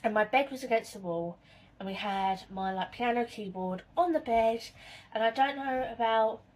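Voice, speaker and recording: A woman's voice: fairly high pitch, moderate pace, darkish tone. A woman, chatting casually to camera in her home kitchen and telling spooky stories in a rambling way. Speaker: vlogger.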